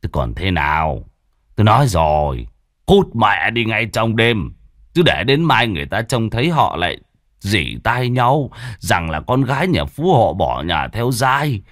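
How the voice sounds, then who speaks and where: A man voicing a stern, hot-tempered wealthy old village patriarch who scolds and shouts orders. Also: a bass voice, big pitch swings, measured pace, no echo, studio quality, voice pushed down, full character voice. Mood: furious.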